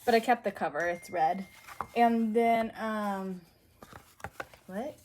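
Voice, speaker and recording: A woman's voice: mid-range voice, slow pace, a little mellow, a little hiss or hum. A woman hosting a crafting channel, chatting casually while out of breath, scattered and apologetic as she thinks aloud. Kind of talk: casual chat.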